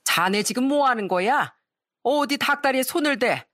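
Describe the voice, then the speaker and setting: A woman's voice: high voice, lively intonation, moderate pace, fairly bright tone, no echo, studio quality, pitched above the performer's own voice. A woman voicing a bossy older mother-in-law who scolds and belittles her son-in-law in a raised, commanding tone. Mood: scornful bossy.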